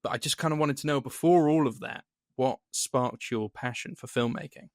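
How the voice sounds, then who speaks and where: A man's voice: medium pitch, moderate pace, no room sound, clean studio sound. A man hosting a film podcast, asking interview questions in a friendly way with short affirmations. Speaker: podcast host.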